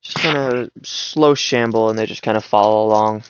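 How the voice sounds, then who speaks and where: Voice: mid-range voice, normal speed, clear, resonant tone, no echo, dull audio. A player describing their characters' moves in a tabletop game, rambling and hesitant, fighting yawns.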